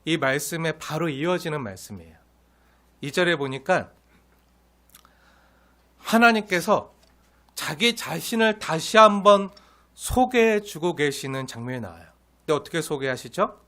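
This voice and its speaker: Animated high-voiced male pastor. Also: measured pace, long pauses. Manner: animated, asks the congregation questions. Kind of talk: expository sermon.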